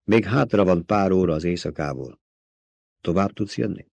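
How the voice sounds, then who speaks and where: A man voicing Paul, a terse, hushed young fugitive. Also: deep voice, vocal fry, no room sound. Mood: calm. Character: young man fleeing across desert, urgent.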